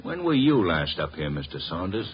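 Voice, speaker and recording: An actor playing a gruff, bossy police inspector, curt and sarcastic, in an old-time radio drama. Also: male voice, sits low, big pitch swings, moderate pace, exaggerated voice. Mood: interrogating. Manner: curt, barking, sardonic. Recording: muffled, noisy 1950s radio recording.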